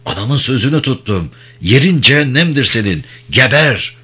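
A man's voice: lowish voice, animated, normal speed, fairly bright tone, breathy edge. A man reading an audiobook, voicing a vengeful young mother who speaks in cold, hard declarations. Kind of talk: audiobook character voice.

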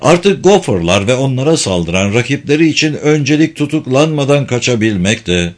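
A man narrates an audiobook with a steady, measured delivery. His voice sits at a medium pitch for a man, and he paces the action scenes evenly, like a practiced storyteller. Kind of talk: scripted narration.

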